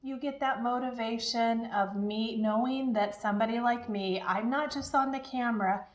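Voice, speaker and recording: A woman's voice: a little high, moderate pace. A woman talking casually and encouragingly to her viewers as a diet vlogger, in an upbeat, chatty way. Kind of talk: casual chatty vlog talk. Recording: echoey room.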